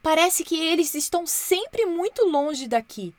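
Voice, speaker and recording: A woman voicing an excitable little girl who calls out urgently and insists on being heard, read as a storybook. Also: unhurried, no echo. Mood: glum, gentle. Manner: high, urgent calling out.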